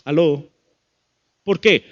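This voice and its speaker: High-voiced Costa Rican pastor preaching. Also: male voice, drawn-out words, muffled recording. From Costa Rica. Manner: lively, acts out quotes, calls to the crowd. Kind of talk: sermon.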